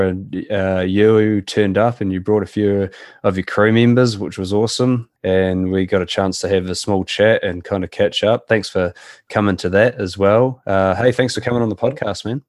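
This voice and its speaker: A man's voice: on the low side, level tone, moderate pace, dry recording, clean studio sound. A man with a broad New Zealand accent hosting a casual podcast interview in a matey, informal way. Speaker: podcast host.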